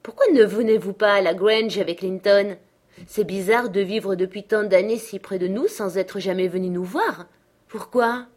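A woman voicing an impulsive, affectionate teenage girl who asks eager, excited questions, in an audiobook. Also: medium pitch, normal speed, close to an everyday voice. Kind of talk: audiobook character reading.

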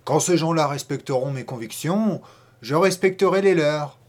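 Brief: a man doing a brash, domineering, mocking man in an audiobook, loud and emphatic, pitched up a bit. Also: normal speed, natural voice. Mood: scoffing, loud. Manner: loud, scoffing, emphatic declaiming. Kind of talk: audiobook reading.

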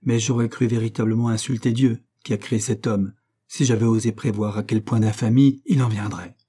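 A man's voice: on the low side, fairly even intonation, a little fast, warm tone, husky. A man voicing a proud, righteous nobleman and sea captain who speaks with stern, declamatory force. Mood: indignant.

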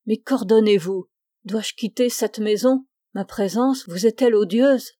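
A woman's voice: medium pitch, measured pace, dark tone, dry recording, studio quality, close to an everyday voice. A woman reading the part of an anguished, pious young man who pleads earnestly with his mother. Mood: humble.

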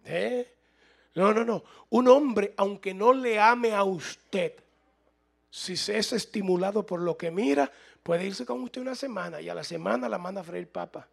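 High, gravelly-voiced preaching man. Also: a little slow. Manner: preaching, rising to loud emphatic bursts, asks the room. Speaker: pastor. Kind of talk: sermon.

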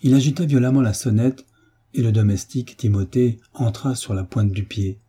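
A man narrating an audiobook in French in a measured, steady reading. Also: mid-range voice, breathy edge. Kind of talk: scripted narration.

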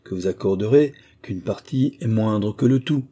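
A man's voice: fairly low pitch, moderate pace, mellow, natural voice. A man voicing a boastful, mocking country squire in an audiobook, with showy, pseudo-learned bluster. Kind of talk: audiobook character reading.

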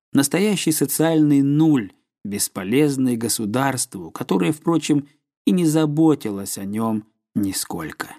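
A man reads a classic novel aloud as an audiobook narrator. His voice sits at an ordinary middle pitch. The reading is measured and literary, with dramatic pauses between phrases. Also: warm tone.

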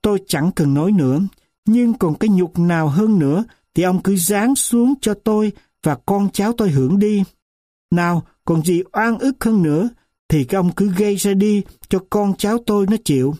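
A man voicing an indignant grandmother near seventy who speaks slowly and weightily in a mellow voice. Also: high-pitched, no room sound, studio quality, lightly acted. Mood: aggrieved. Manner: pleading then accusing, slow weighty delivery.

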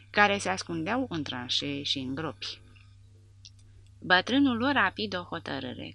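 Woman, audiobook narration, measured reading, gravelly, bright. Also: low-pitched.

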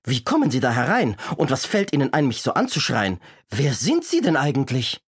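A man voicing an old grandmother in a storybook reading, speaking in a raised, higher voice. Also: animated, a little fast, a little mellow. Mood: indignant. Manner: indignant, pleading. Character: indignant old grandmother, plucky then pleading.

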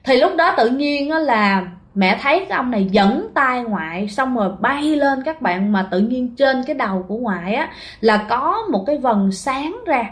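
This casual ghost story comes from a woman whose high, expressive voice moves at a moderate pace. Chatty in manner, she talks straight to the people listening throughout.

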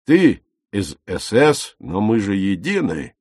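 A loutish, drunken army sergeant, mocking and coarse. A male narrator acts him out in a low, dry-sounding read, jumping between brash yelps and growled lines. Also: sing-song, takes it slowly, darkish tone, breathy edge, no room sound, full character voice. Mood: leering. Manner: coarse, leering. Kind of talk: audiobook character reading.

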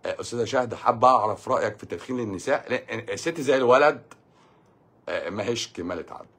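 A man with an Egyptian accent talks quickly on a live stream, reading out and answering viewer comments. His voice is husky and a little breathy, and he keeps a joking, offhand tone. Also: mid-range voice, expressive, fairly bright tone. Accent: Egyptian Arabic. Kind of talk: casual live stream chat.

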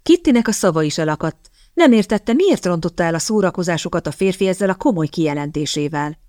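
Audiobook narrator: woman, slightly low voice, dry close studio sound. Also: animated, darkish tone, no echo. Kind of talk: scripted narration.

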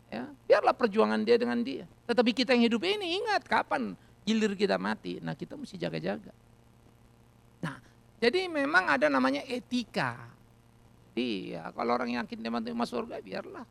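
A middle-aged man delivers a sermon as a pastor, and his voice carries heavy gravel and fry. He sits a little higher than most men in pitch. He tells his stories in a lively, animated way.

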